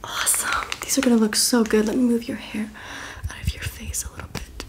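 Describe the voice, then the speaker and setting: A woman in her twenties doing a fast ASMR whispered role-play as an encouraging beauty and photo professional, repeating short phrases up close. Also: fairly high pitch, little pitch movement, lightly acted. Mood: upbeat, encouraging. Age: 20s. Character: brisk, encouraging female makeup artist, photographer and spa worker. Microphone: close, facing the camera.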